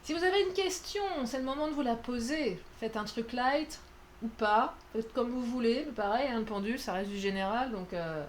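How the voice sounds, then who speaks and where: A woman's voice: fairly high pitch, expressive, normal speed, slight background noise. A woman doing a casual, playful card reading, chatty and self-mocking with lots of fillers. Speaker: tarot card reader.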